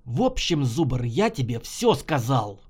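A man playing a hot-tempered middle-aged lieutenant colonel who gives orders gruffly and bluntly. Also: medium pitch, sing-song, unhurried, darkish tone, pitched below the performer's own voice. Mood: irritated.

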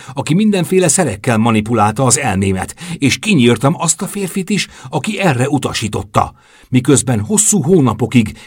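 A man's voice: on the low side, slightly rough, no echo, studio quality, exaggerated voice. A man voicing a bitter, furious young woman in an audiobook, with a raised, accusing delivery.

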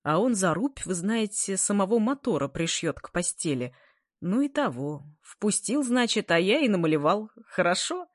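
A woman reading a story, voicing a cheeky, boastful schoolboy prankster in a lively manner. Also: mid-range voice, moderate pace, no room sound, studio quality.

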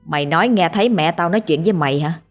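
A harsh, abusive husband who is often drunk, as a woman storyteller voices him, scolding in a coarse, low-pitched way. The voice has a husky edge. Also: a little fast, faint music behind, natural voice. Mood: shouting.

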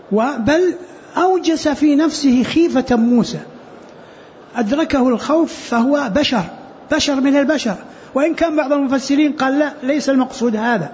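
A man teaching a religious lesson, explaining scripture commentary in a halting way and often repeating words as he restarts. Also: very high voice, a little mellow. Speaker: sheikh commenting on Quran exegesis. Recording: muffled lo-fi lesson recording with faint hiss.

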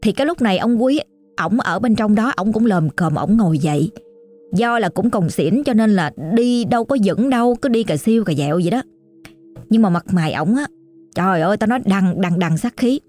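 A woman's voice: medium pitch, expressive, fairly quick, a little mellow, soft background music. A woman with a Southern Vietnamese accent telling a story in a chatty, colloquial, exclamatory way. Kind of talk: casual oral storytelling.

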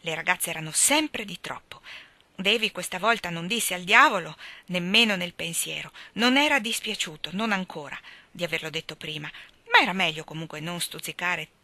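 A woman narrating a novel aloud in a calm, even manner, softening at the ends of phrases. Her voice is bright and crisp, and the recording is dry with no room echo. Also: on the low side, moderate pace. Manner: calm, even storytelling, soft at sentence ends. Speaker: audiobook reader. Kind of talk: scripted audiobook narration.

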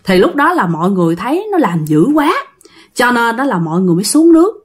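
A woman's voice: a little high, quick pace, breathy edge. A woman with a Southern Vietnamese accent telling a ghost story, talking straight to her listeners. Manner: animated, addresses listeners directly.

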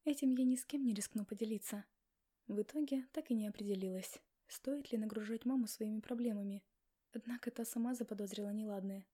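A woman narrating a first-person novel in a quiet, reflective way. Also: a little high, brisk. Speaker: audiobook reader.

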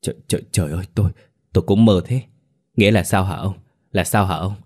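A man's voice: lowish voice, moderate pace, natural voice. A man doing a trembling old village mother. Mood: frightened. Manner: trembling, anxious. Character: trembling elderly countrywoman, a worried mother.

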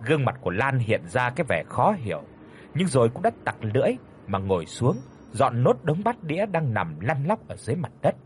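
A man narrating a ghost story in an expressive, dramatic way. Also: mid-range voice, a little fast, a little hiss or hum.

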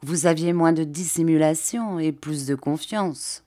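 A woman reading an audiobook, voicing a dignified older mother who speaks in a measured, gently reproachful way. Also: low voice.

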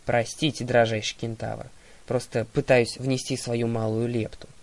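A bored, sarcastic god drawling his mocking remarks, as a man reads him. The drawl slows down now and then. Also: mid-range voice, little pitch movement, gravelly.

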